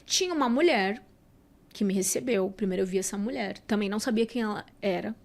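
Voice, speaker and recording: A woman with a Santos Brazilian accent, a podcast guest and psychologist, telling a personal story in an animated way. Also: medium pitch, fairly quick, vocal fry. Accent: Brazilian Portuguese, Santos. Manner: animated, acts out quoted dialogue. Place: podcast studio.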